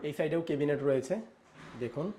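A man giving a walkthrough tour of a flat for sale, talking straight to viewers and pointing out each room's features. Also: a little high, quick pace, slight background noise. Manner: speaks softly in the child's bedroom so a sleeping baby isn't woken. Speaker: real estate agent giving a flat tour. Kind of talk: walkthrough property tour narration. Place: inside an apartment, moving room to room.

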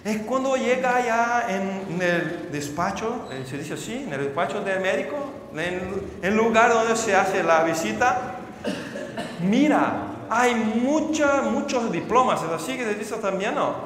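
A man preaching a sermon as a story, often checking in with the audience through quick questions and halting restarts. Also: high-pitched, animated, a bit bright. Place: church hall. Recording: reverberant church hall.

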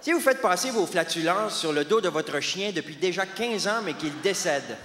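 A man doing stand-up comedy with a Québécois French accent, delivering punchy deadpan one-liners. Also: high voice, normal speed, slight background noise. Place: large theatre stage. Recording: long hall reverb, loud audience.

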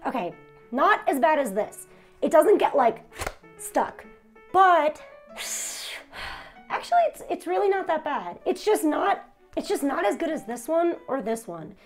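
A woman's voice: high-pitched, sing-song, measured pace, pauses often, faint music behind. A young woman casually reviewing products while speaking through a face mask, chatty and thinking aloud, close to the mic. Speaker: vlogger reviewing face masks.

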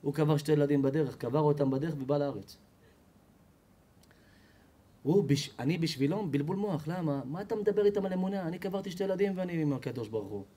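A rabbi delivers a spirited sermon in a high voice. He tells stories to his audience and swings between loud outbursts and low asides. The man talks with a preacher's flair. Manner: expressive storyteller, acts out quoted people with loud high shouts. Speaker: rabbi giving a Torah class. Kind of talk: animated sermon.

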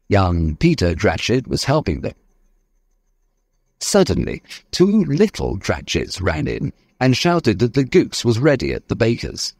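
Expressive male storybook narrator. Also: lowish voice, dry recording, studio quality. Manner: clear, expressive reading. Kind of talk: graded reader narration.

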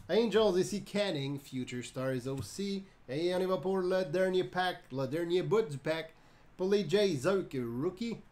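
A man's voice: high voice, a little slow, a little mellow. A man with a Quebec French accent hosting a live card break, calling out each card in a chatty way, laughing and joking with viewers. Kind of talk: live card-opening commentary.

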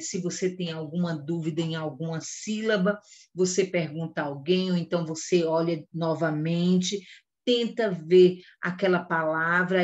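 A Brazilian woman teaching an online lesson to young children, patiently repeating instructions and checking they understood. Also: lowish voice. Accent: Brazilian Portuguese. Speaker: first-grade teacher.

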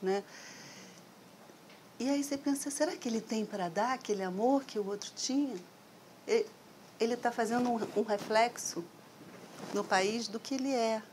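A middle-aged woman from Brazil speaks to a seated audience through a stand microphone, her voice sitting at an ordinary middle pitch. She talks in a chatty, reflective way and keeps checking in with her listeners. A faint hiss of room noise sits under the hall recording. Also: darkish tone. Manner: conversational, reflective, frequent "né?" tags. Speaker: speaker giving a talk. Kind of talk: lecture to an audience.

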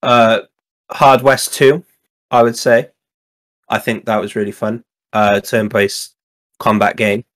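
A man's voice: on the low side, little pitch movement, slow pace, long pauses, fairly bright tone. A man co-hosting a gaming podcast in casual chat, rambling with many fillers and laughing often. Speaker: podcast co-host.

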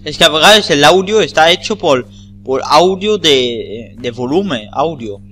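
Male gamer, Spain accent, slow and repetitive casual commentary, sweary, bright tone, faint game music. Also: a little high, animated. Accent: Spanish from Spain.

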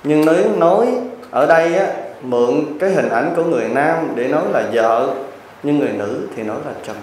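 A man, a Buddhist monk giving a sermon as a lively story with jokes to the listeners. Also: fairly high pitch, fairly quick, a little hiss or hum. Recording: very echoey hall, distant mic.

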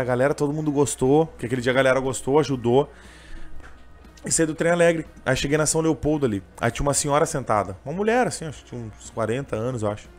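A young man with a gaúcho Portuguese accent telling his story in a casual interview, rambling and emotional, full of fillers. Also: a little high. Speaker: interviewee, train vendor and singer.

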